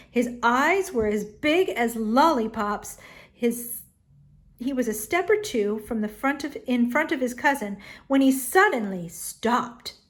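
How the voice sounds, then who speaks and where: A woman with a fairly high voice reads a children's tale aloud expressively, using dramatic pauses and emphasis.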